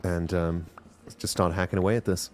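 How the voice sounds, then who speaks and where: A man with a South African accent streams a game, rambling casually and talking straight to his chat. His voice is low and darkish, with fairly even intonation and a slightly fast pace.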